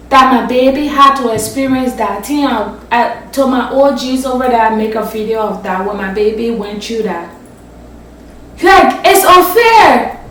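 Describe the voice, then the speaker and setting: A woman's voice: sits high, distant mic, slight background noise. A woman vlogger from Africa telling a story-time vlog, speaking passionately and emphatically, sometimes swearing. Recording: roomy echo, voice off the mic.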